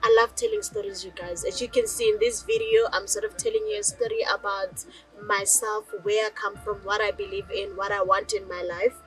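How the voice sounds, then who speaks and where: A woman's voice: medium pitch, animated, fairly quick, faint music behind, poor audio. A young South African woman, a native Northern Sotho speaker, talking straight to her viewers as a storyteller and asking them questions as she goes. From rural South Africa. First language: Northern Sotho (Lobedu). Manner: chatty, addresses viewers directly with rhetorical questions. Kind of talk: direct-to-camera personal vlog.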